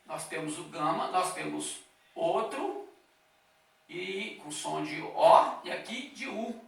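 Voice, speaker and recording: A slow-speaking man with a high, bright, gravelly voice lectures step by step, checking in with his listeners often. His voice comes from a distance in a very echoey room. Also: expressive. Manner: explains step by step, with frequent "tá?" and "ó" checks. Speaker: teacher. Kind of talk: classroom lecture.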